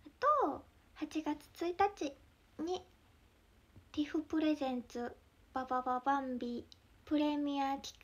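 A young woman with a Mie dialect accent, chatting casually on a livestream, giggling often and sometimes dropping into soft whispers. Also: high voice. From Mie Prefecture, Japan. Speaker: idol livestreamer.

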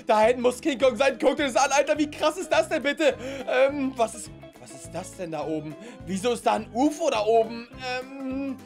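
Brief: young male gaming YouTuber, high voice, loud and excitable, constant reactions to the game. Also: normal speed, few pauses, faint music behind. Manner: excitable, shouts and exclaims, talks to viewers. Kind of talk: excited gameplay commentary.

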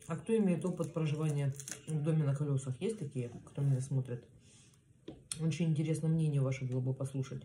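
A woman speaks in an offhand, chatty way to the camera while eating at home. She chews while talking and leaves gaps for bites. Clear background noise and the clatter of cutlery and plates sit behind her voice. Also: low voice, brisk, warm tone. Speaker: mukbang vlogger. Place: small room at home, indoors. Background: cutlery and plates clinking.

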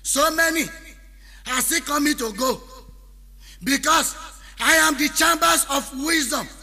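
Nigerian musician with an Edo Pidgin accent, very high sharp voice, preachy half-sung spoken word over music in a long echo. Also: male voice, a little slow, creaky. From Benin City, Nigeria. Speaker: highlife musician. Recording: long reverb with backing music.

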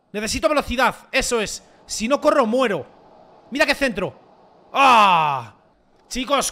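High, bright excitable gamer man. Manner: excitable, repeats phrases, bursts into shouts. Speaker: gaming YouTuber. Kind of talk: gameplay commentary.

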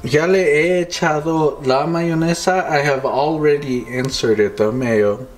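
Slow-talking bilingual man. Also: fairly high pitch, low-quality recording. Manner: repeats each phrase in English and Spanish. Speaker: home cooking vlogger. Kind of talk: casual bilingual cooking narration. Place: home kitchen, indoors. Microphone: camera mic, off screen behind the camera. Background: music.

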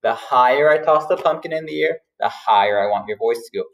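A man teaching a vocal warm-up to children, giving patient instructions between high sung woo and E sweeps. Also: a little fast, creaky. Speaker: music teacher. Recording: roomy echo, mic a little distant.

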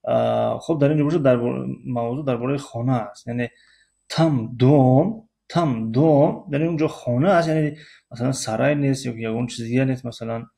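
A man with a Tajik accent teaching a casual spoken lesson, hesitating often with filler sounds and repeating example words slowly, recorded near a road. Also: medium pitch, creaky, dark tone. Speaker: Russian language teacher. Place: near a road with passing cars. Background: car noise.

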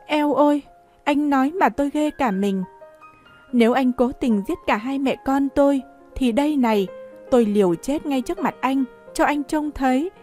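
A woman's voice: high voice, normal speed, darkish tone, faint music behind, voice pushed up, close to an everyday voice. A woman voicing a proud, desperate pregnant girl of eighteen in an audiobook, pleading and indignant. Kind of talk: audiobook dialogue reading.

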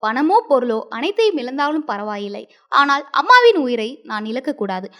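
An earnest, devoted grown son pleads in a high, lively voice, as a woman reads him out. The story is told in a storybook reading, and his tone swings widely as he begs. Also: moderate pace.

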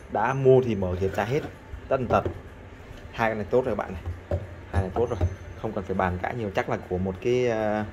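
Testing scrap electronics in a hands-on vlog, a man with a lowish voice chats away to his audience, addressing them again and again and repeating phrases. Background noise can be heard.

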